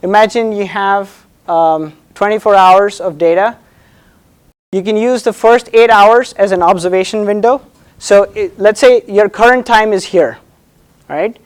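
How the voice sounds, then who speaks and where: A man presenting an academic thesis defense as a doctoral candidate, hesitant and halting, often repeating words and checking in with "right?". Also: sits high, smooth.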